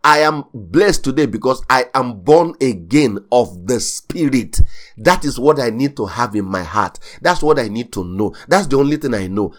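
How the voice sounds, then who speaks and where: A male pastor delivering a sermon in an emphatic style. He drives his points home by repeating key phrases, and his voice swells in sudden surges of intensity. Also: mid-range voice.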